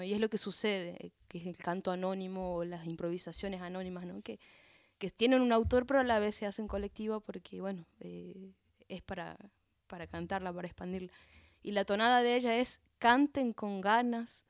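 An Argentine woman, a folk singer guest on radio, explaining a song tradition in a hesitant way, often pausing to search for words. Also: fairly low pitch, creaky, dry recording, clean studio sound.

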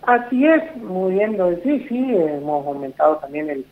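A man's voice: high-pitched, big pitch swings, moderate pace. A man with an Argentine Spanish accent, an executive director speaking as a guest in a radio phone interview, reassuring and repetitive with many fillers. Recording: tinny phone line.

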